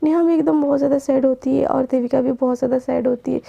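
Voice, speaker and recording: A woman's voice: sits high, steady tone, quick pace, gravelly, husky, muffled recording. A woman narrating a college romance story in a casual spoken way, voicing each character's lines herself.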